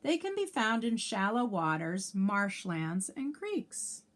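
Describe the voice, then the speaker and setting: A woman teacher, medium-pitched and in no hurry, reads an alphabet picture book to children in a lively sing-song voice. Careful enunciation of the letters goes along with chatty asides and questions aimed at her young audience.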